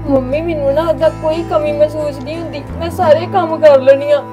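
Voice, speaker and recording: A woman's voice: high voice, fairly even intonation, brisk, over music, close to an everyday voice. A woman playing a young blind daughter who blames herself as a burden, speaking plaintively. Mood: pleading. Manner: plaintive, self-reproaching. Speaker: actor in a family short film. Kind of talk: melodramatic village drama acting.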